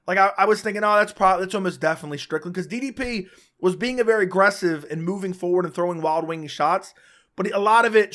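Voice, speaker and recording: A man with a bright, high-sitting voice, sick and losing it, hosts a casual, opinionated solo recap of a fight, round by round. This MMA commentator and channel host talks fast in bursts, often restarting his sentences.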